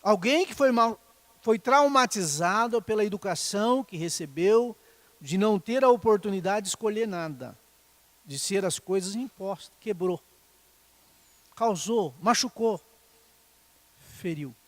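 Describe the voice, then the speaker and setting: A middle-aged man delivers a sermon in a high, light voice. His tone is conversational, often turning to the congregation with short questions. The sound is dry and close, with no room echo. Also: animated, measured pace, pauses often. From Brazil. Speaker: pastor.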